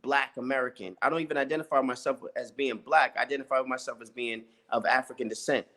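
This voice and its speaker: A man's voice: medium pitch, fairly even intonation, quick pace, fairly bright tone. A man hosting an interview, asking long, rambling questions full of hesitations. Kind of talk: casual interview talk.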